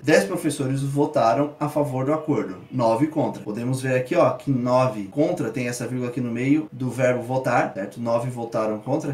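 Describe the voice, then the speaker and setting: Fast-talking male teacher, echoey room. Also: on the high side, darkish tone. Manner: explains patiently, pointing at examples on screen. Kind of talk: online grammar lesson.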